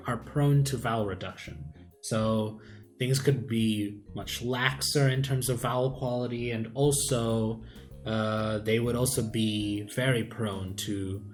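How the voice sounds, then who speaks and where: A man explaining the sound system of his invented language in a casual, thinking-aloud way, pausing often with "uh". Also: mid-range voice. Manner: unhurried, thinking aloud with many "uh" pauses. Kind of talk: casual screen-share explainer. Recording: faint background music.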